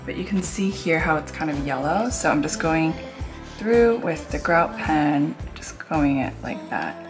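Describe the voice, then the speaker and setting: A woman in her thirties with a voice that sits low and lively intonation talks a little slowly in a casual vlog. Thinking aloud, she does tasks around an empty apartment and small tiled bathroom indoors, with echoing rooms and background music.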